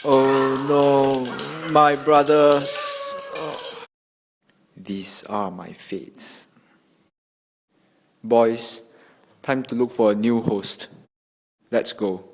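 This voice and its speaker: A man playing a boastful tuberculosis bacterium as a theatrical villain with slow menace in an amateur educational skit. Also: mid-range voice, level tone. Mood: gloating menace.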